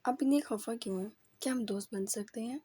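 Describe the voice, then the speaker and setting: A woman voicing a gentle young man who speaks softly and pleadingly in an audio novel. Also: a little high, slightly rough. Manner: soft, pleading.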